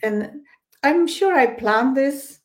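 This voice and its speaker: High-pitched and animated, a woman from Poland talks slowly as a guest psychic medium in a casual interview. Her Polish-accented speech is hesitant, broken up by fillers and false starts.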